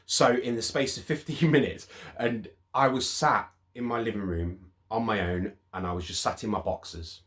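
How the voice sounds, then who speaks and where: A deep-voiced, middle-aged Englishman chats in a casual vlog. He tells his story in a relaxed, rambling way, with plenty of fillers. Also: moderate pace, few pauses. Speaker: vlogger.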